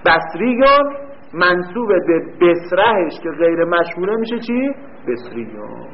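Male teacher, pitch leaps and dips a lot, asks the room and answers himself, muffled lo-fi recording. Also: sing-song, a little hiss or hum. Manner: quizzes the class and answers his own questions; reads a line slowly, then explains it quickly. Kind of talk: classroom lecture on grammar. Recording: dull lo-fi recording.

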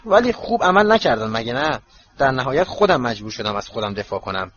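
A man voicing a resentful teenage boy with forced calm and sarcasm in a storybook reading, in a slightly muffled recording with faint hiss. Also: fairly high pitch. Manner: strained calm breaking into sarcasm.

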